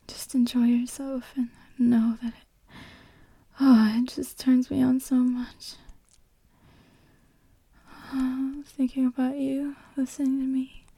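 A woman in an intimate, erotic whispered ASMR role-play for one adult listener, breathy and halting, speaking right in the ear. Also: on the high side, dark tone, no echo. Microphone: very close microphone, dry.

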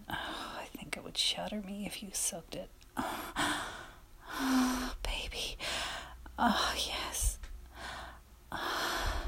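A young woman leaving an intimate voicemail in a hushed, breathy whisper with soft laughs, close to a phone mic. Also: mid-range voice.

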